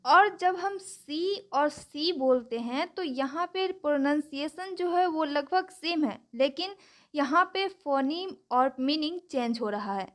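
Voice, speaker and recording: A woman teaching a lesson, explaining terms slowly and carefully with example words. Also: high voice, lively intonation.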